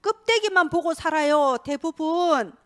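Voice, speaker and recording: Woman pastor, high voice, sermon, rhetorical questions, acted-out quotes. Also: expressive, a little slow, a bit bright. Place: church.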